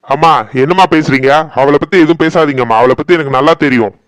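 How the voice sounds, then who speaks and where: A man with a Tirunelveli Tamil accent voicing a gentle young husband in a cartoon, soothing his wife and standing firm with his mother. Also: a little high, fast, clear, resonant tone, dry recording, close to an everyday voice. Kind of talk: cartoon voice acting.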